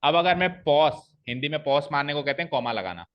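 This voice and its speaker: A male maths teacher explains a problem step by step to his class, asks them questions and reads expressions aloud slowly, stressing the pauses. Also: a little high, lively intonation, smooth, highs cut off.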